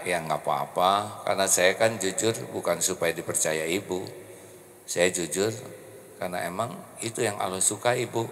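A man voicing a calm, patient, honest husband, talking softly, in a hall with long reverb. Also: deep voice, normal speed. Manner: soft, quiet, steady.

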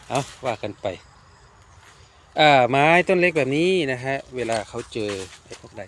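Male garden owner, mid-pitched, chatty step-by-step explainer on a casual outdoor tour, faint crickets. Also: vocal fry, noisy background. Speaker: garden owner and plant grower.

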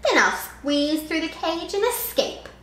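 A woman voicing a calm, clever young boy who answers cheerfully. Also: extremely high pitch, measured pace, voice pushed up, heavily acted. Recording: echoey room.

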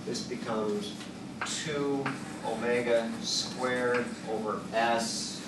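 A man in his sixties giving a chalkboard lecture, working through equations and thinking out loud, hesitating and correcting himself. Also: mid-range voice, steady tone, very slow. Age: 60s. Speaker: engineering lecturer. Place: classroom at a chalkboard. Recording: roomy classroom, distant mic, background noise.

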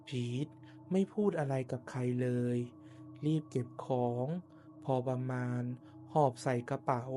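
A man tells a scripted horror tale at a slow, deliberate pace. His voice is soft and dark, set in short phrases with pauses between them. Some ambient noise sits behind the narration. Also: mid-range voice. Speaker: ghost story narrator. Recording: noticeable background noise and ambience.

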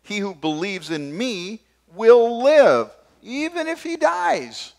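An older man preaching a sermon from a church pulpit, gesturing as he moves between forceful emphasis and sudden quiet asides. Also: sits high, sing-song, slow pace. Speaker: pastor. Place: church stage behind a wooden pulpit.

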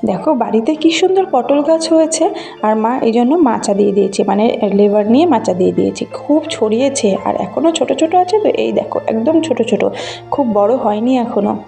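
A woman from Bengal narrates a casual walking vlog, gently enthusiastic as she talks straight to her viewers. Her voice sits fairly high but sounds soft and mellow. She films outdoors on a handheld phone, with faint music running underneath. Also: lively intonation, normal speed, creaky. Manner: chatty, gently enthusiastic, talks to viewers while showing things. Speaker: village vlogger. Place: outdoors in a rural garden and fields. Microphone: handheld phone camera.

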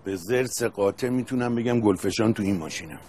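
A man's voice: lowish voice, slight background noise, natural voice. A man playing a proud, hot-tempered family man who blusters through a dispute, in a sitcom. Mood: scheming. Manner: blustering, then urging calm. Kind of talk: TV sitcom acting.

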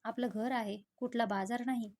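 A woman voicing an elderly grandfather over sixty who speaks firmly and calmingly. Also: fairly high pitch, normal speed, lightly acted.

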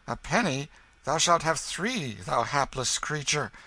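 A man voicing a kindly, soft-hearted gentleman in a storybook, fussing anxiously with pitying exclamations in archaic speech. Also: fairly high pitch, expressive, unhurried, dry recording, pitched above the performer's own voice, heavily acted.

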